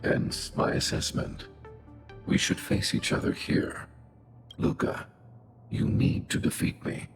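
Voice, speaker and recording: An actor playing a stoic, aging combat robot through a synthetic filter, speaking formally and precisely in video game dialogue. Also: male voice, slow pace, long pauses. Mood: calm, measured. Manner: formal, precise, clinical speech. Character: stoic outdated male combat robot, calculating, quietly protective. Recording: game music behind.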